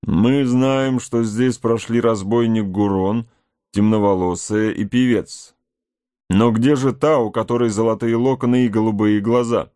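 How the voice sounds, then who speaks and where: A man reading aloud voices an aging frontier scout, shrewd and steady, speaking in a deliberate, musing way. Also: lowish voice, no room sound, studio quality, close to an everyday voice.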